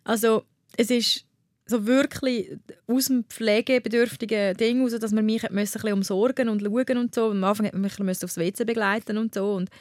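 A woman's voice: a little high, fairly even intonation, brisk, a little mellow, dry recording, clean studio sound. A woman with a Swiss German accent, candidly telling a personal story in a conversation, with frequent restarts. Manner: candid, restarts often, laughs while telling. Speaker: guest.

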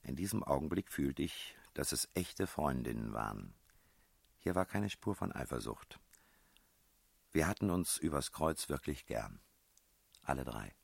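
A man reading a novel aloud as first-person narrator, with wry, measured storytelling. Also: a bass voice, gravelly, dry recording.

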